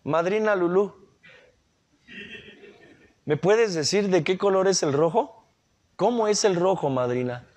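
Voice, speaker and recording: A man's voice: high-pitched, expressive, measured pace, pauses often, darkish tone. A man with a Mexican accent giving an emotional motivational talk at a recovery group meeting, earthy and full of coarse slang.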